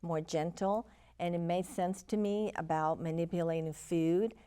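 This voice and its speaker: An older woman from Chile, a health counselor, calmly explaining as a guest in an interview. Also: on the low side, normal speed, clear, resonant tone. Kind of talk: interview answers.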